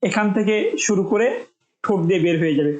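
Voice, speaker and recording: A woman teaching English pronunciation, saying each sound slowly several times so learners can copy it. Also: mid-range voice, darkish tone, reverberant, rough recording. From Bangladesh. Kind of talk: spoken lesson, demonstrating sounds.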